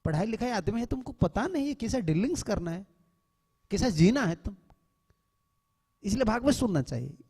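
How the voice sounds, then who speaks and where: A man's voice: sits high, big pitch swings, normal speed, pauses often, mellow, breathy edge. A man, a swami, giving an earnest temple lecture to devotees, admonishing them and mixing English words into his speech. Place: temple hall. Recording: long hall reverb.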